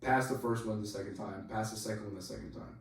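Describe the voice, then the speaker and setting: A man's voice: lowish voice, fairly even intonation, fast. Rambling man in a very echoey room. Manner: rambling, heavy use of "like", swears freely. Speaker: podcast guest telling a story; soldier. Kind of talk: casual storytelling. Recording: very echoey room, voice far from mic.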